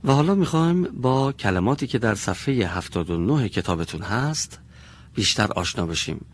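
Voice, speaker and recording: A male teacher in a classroom giving a pronunciation lesson, patient and deliberate, slowly demonstrating each sound for his pupils. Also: lowish voice, lively intonation.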